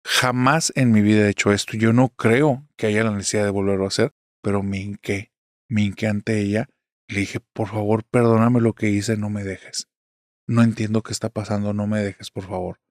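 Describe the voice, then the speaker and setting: A man's voice: on the low side, steady tone, moderate pace, no room sound, clean studio sound, close to an everyday voice. A man voicing a distraught young husband who pleads as he recounts his ordeal in a horror story. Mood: anguished. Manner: pleading, anguished confession.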